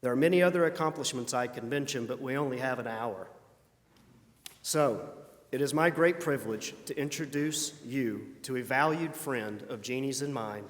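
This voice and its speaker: A man's voice: medium pitch, normal speed. A man giving an earnest, formal introduction of a guest speaker at a church service. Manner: earnest, with hesitant "uh" fillers at the start. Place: church sanctuary. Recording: long church hall reverb.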